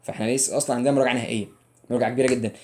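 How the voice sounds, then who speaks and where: A man's voice: mid-range voice, steady tone, racing, darkish tone. A young man with an Egyptian Arabic accent teaching an English lesson, joking and teasing his students and drilling each rule over and over. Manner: jokey, teasing, drills rules by repetition. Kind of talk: playful exam-prep lesson.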